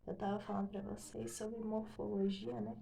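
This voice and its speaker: A woman with a Brazilian accent giving a casual online writing lesson, halting and correcting herself often. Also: mid-range voice, little pitch movement, gravelly, warm tone, slight background noise, poor audio. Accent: Brazilian Portuguese. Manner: slow, halting, many fillers and self-corrections. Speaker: writing teacher.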